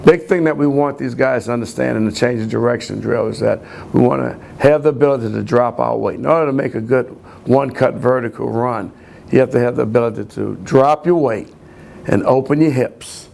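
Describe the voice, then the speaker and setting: Gravelly male football coach explaining drills. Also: mid-range voice, a little fast, a little mellow. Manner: plain, repetitive drill explanation with restarts. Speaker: running backs coach. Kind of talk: coaching instruction.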